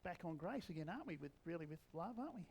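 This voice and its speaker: A man's voice: fairly high pitch, big pitch swings, racing, creaky, a little mellow, breathy edge, poor audio. A man in his sixties, a preacher giving a conversational sermon with wry humour. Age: 60s.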